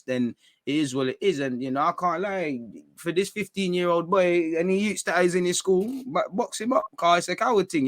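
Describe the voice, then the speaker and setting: A young man, hosting a football talk stream in a rambling, slangy, excitable way. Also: fairly high pitch, no echo. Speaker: football channel host. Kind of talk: casual livestream chat.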